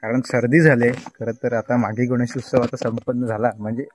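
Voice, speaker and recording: A man's voice: mid-range voice, little pitch movement, normal speed. A young man from the coast, chatting casually to viewers as he films from a village hilltop at evening on his phone. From Konkan, India. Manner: chatty, explains the view, calls out to animals and kids. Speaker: village vlogger. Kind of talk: casual vlog talk to viewers. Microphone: phone camera held while filming.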